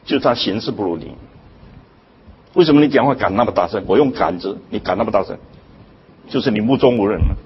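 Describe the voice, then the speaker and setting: Older man, husky, public lecture, animated pitch, lo-fi muffled recording. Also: a little fast, pauses often. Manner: emphatic, rhetorical questions, sudden jumps in pitch. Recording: dull lo-fi recording.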